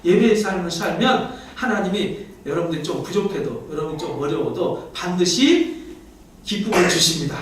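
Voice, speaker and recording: A male pastor preaches in a casual, talking style and keeps asking his congregation questions. His voice sits high for a man. It rings through a very echoey church sanctuary and is picked up from some distance. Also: expressive, normal speed, a little hiss or hum. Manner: leads the congregation in reading scripture aloud. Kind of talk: Sunday sermon.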